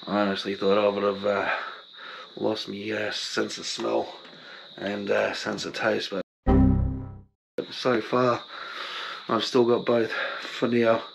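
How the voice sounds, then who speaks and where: A man's voice: on the low side, flat delivery, slow, gravelly, music in the background, poor audio. A young man talking casually in a vlog, sick and short of breath, rambling and laid-back. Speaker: vlogger.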